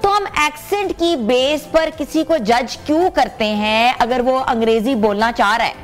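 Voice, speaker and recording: Higher-voiced female TV host. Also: a little slow, soft background music. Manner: attentive, frequent short affirmations. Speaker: interview host. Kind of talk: studio TV interview.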